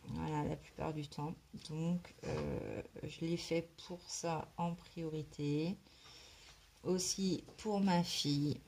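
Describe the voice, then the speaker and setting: A woman's voice: sits low, gravelly, warm tone, a little hiss or hum. A woman chatting casually to her vlog while she colours, hesitant and rambling as she thinks aloud. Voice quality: slight smoker's cough. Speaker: craft vlogger colouring in a book.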